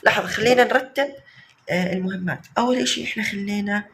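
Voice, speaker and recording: Here the young vlogger and amateur animator talks quickly in a high, fairly bright voice, with a little noise in the background. It's a relaxed, self-teasing video diary in a Levantine Arabic accent, sprinkled with playfully formal Arabic.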